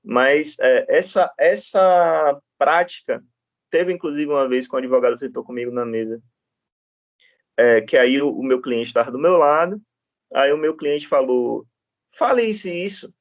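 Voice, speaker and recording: A man's voice: medium pitch, measured pace, no echo, clean studio sound. A male law lecturer with a Brazilian Portuguese accent, teaching in an informal, storytelling way and often checking in with his listeners. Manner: chatty, storytelling, frequent tag questions.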